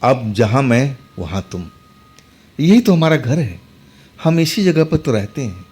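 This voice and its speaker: A man's voice: medium pitch, sing-song, unhurried, a little mellow, slightly rough. A man voicing a beautiful young female ghost who turns into a witch, speaking in a coaxing, sinister way.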